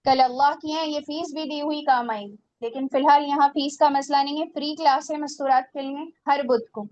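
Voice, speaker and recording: A woman's voice: high voice, fairly even intonation, brisk, a little mellow, muffled recording. A woman teaching a religious class on Quran recitation, earnest and exhorting her students.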